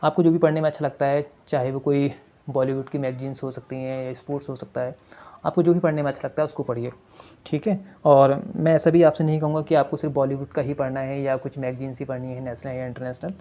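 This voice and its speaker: A male teacher explains exam reading strategies in a steady, level voice that barely rises or falls. He slips into his talk and hesitates often. The recording sounds dull and lo-fi. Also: mid-range voice, quick pace. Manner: addresses viewers as friends, mixes English terms into Hindi; many hesitation fillers.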